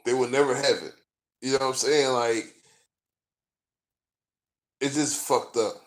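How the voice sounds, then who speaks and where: A man's voice: medium pitch, steady tone, a little slow. A man vlogging as a sports fan, ranting in a profane, frustrated and rambling way, full of fillers. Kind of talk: casual rant to camera.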